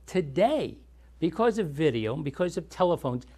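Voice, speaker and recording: Hosting a show about classic films, a man chats with young guests and interviews them, explaining things in a friendly way and probing with follow-up questions. His voice is fairly high and darkish in tone, very animated, at a moderate pace.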